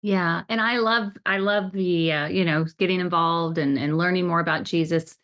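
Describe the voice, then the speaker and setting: A woman hosting an interview, interjecting affirmations and asking questions with halting restarts. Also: lowish voice, steady tone, a bit bright. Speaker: podcast host.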